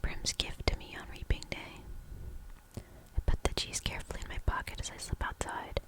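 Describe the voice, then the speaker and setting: A woman reading a novel aloud for ASMR in a soft, hushed whisper, slow and deliberate.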